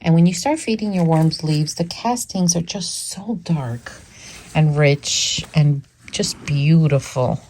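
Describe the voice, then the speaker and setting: A woman's voice: deep voice, slow, mellow, a little hiss or hum. A woman hosting her worm farming channel, chatting with enthusiasm and the hiccups, outdoors at her worm bins. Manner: chatty and enthusiastic, with fillers and repeats. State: has the hiccups. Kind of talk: casual vlog chat.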